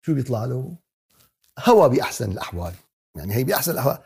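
A man teaching Quran commentary. He asks the audience questions, answers them himself, and addresses the listeners warmly. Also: medium pitch, sing-song, rapid-fire, creaky, slightly rough. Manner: talks to the audience as "beloved ones" in a warm teaching tone.

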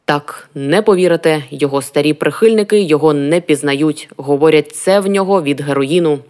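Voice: mid-range voice, brisk, a little mellow, lightly acted. A reader voicing a prim, mannered middle-aged radio host in an audiobook. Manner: mannered, lecturing. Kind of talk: audiobook reading.

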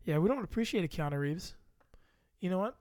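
A man's voice: high-pitched, animated, fairly quick, a little mellow, no echo. A young man co-hosting a casual podcast, joking and trash-talking playfully into a close mic. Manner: joking, playful trash talk and mock rapping. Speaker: podcast co-host. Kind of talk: casual chat. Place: home room at a computer. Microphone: close microphone.

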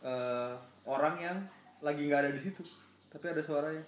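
Podcast co-host in an echoey room. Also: male voice, on the high side, fairly quick. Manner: joking, drops crude slang. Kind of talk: casual chat. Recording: echoey room with faint noise.

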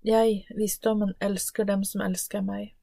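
A woman's voice: mid-range voice, little pitch movement, creaky, warm tone, no room sound. A woman reading the part of personified Wisdom, an ancient female voice that proclaims solemnly. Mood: proclaiming. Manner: solemn, declaiming. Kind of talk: scripted Bible reading.

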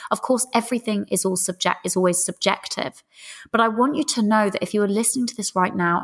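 Female podcast host, thirties, British. Chatty coach addressing listeners, breezy and cheeky with a theatrical streak, mid-range pitch. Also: creaky.

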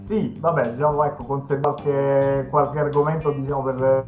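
A man talks football in a halting, filler-laden way. His voice comes across roomy and a little dull, with faint music in the background. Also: medium pitch. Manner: hesitant, many fillers, animated when excited. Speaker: co-host of a football show. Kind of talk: casual chat about football. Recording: roomy, slightly dull sound.

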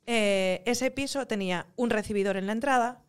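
A woman tells a story in a lively, animated way, voicing her own past words as she goes. Her voice sits a little high for a woman. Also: normal speed, smooth. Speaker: actress, interview guest. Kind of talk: lively anecdote in casual chat.

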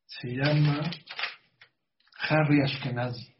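A man's voice: fairly high pitch, steady tone, slow. Earnest middle-aged man preaching a story. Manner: earnest, addresses the audience directly with questions. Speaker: religious speaker on a show. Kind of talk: storytelling sermon. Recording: slightly muffled lo-fi audio.

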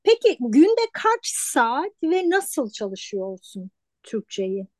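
A woman's voice: a little high, very animated, takes it slowly, no room sound. A woman hosting a casual interview, asking her guest questions. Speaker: host, interviewer.

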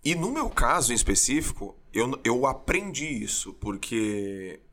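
Speaking a little slowly in a mid-range voice, this former swimmer in his forties recounts stories during a casual interview. He brings them to life with animation, performing the voices of anyone he quotes.

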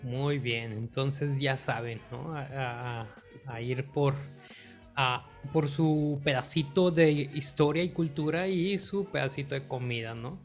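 A man's voice: medium pitch, takes it slowly, faint music behind. A man telling a story in a casual, slangy way and laughing easily as a podcast guest.

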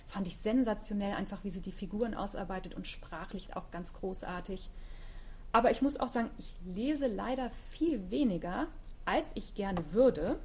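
Middle-aged woman, author guest, chatty and reflective, average pitch. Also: normal speed, darkish tone, slight background noise. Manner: reflective, chatty, many fillers. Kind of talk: casual interview talk.

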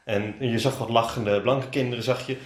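A young man recounts a school story in a relaxed, casual way and chimes in with jokes. His voice sits at an ordinary pitch, and the recording has an echoey room sound. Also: normal speed. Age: young adult. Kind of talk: casual group chat.

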